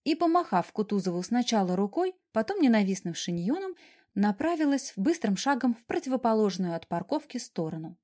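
A woman reading a first-person audiobook in a wry, expressive way. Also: on the high side, fairly quick. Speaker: audiobook narrator.

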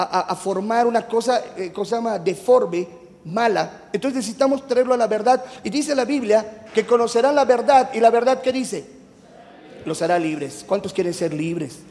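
A man's voice: very high voice, warm tone. A man with a Mexican Spanish accent preaching a youth sermon to a live congregation in a church hall, chatty and teasing, quizzing the audience as he goes. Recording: echoey hall with long reverb.

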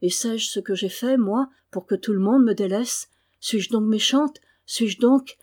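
A woman's voice: on the high side, measured pace, darkish tone. A woman reading the lines of a tender, hurt young noblewoman in pleading tones. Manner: pleading, tearful.

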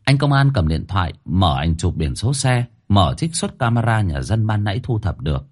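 Guy telling a sad story, husky low voice, very animated. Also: normal speed. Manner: expressive, emotional storytelling. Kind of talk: dramatic story narration.

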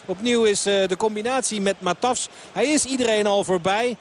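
A man's voice: high-pitched, normal speed, slight background noise. A man giving live play-by-play football commentary on the radio, talking on steadily with filler sounds. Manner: fluent running play-by-play with fillers.

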